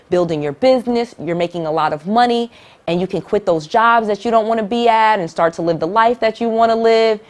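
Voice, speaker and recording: A middle-aged woman teaching real estate investing to camera, emphatic and direct, repeating key points and checking in with "all right?". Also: medium pitch.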